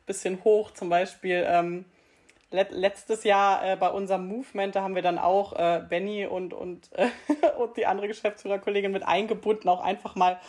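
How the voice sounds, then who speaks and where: A woman's voice: mid-range voice, level tone, moderate pace, darkish tone. A woman, a guest in an interview, talking chattily and laughing as she tells stories. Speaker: employee engagement team member, guest. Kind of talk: conversational interview talk.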